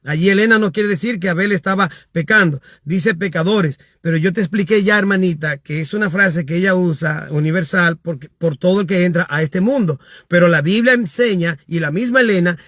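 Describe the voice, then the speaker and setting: Emphatic high-voiced male pastor preaching. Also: brisk, few pauses, no room sound, clean studio sound. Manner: emphatic, rising to shouts on key points. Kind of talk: preaching while reading viewer comments.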